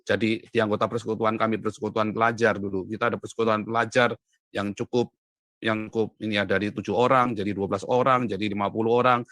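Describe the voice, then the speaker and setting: Emphatic man, bright and dry. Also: lowish voice, flat delivery, fast talker, dry recording. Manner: emphatic storytelling, voice rising sharply when stirred. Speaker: interview guest. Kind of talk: conversational interview.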